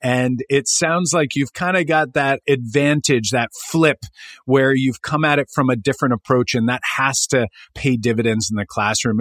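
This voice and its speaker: A man's voice: medium pitch, a bit bright, dry recording, clean studio sound. A man hosting a podcast, asking his guests upbeat, curious questions. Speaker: podcast host. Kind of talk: podcast interview.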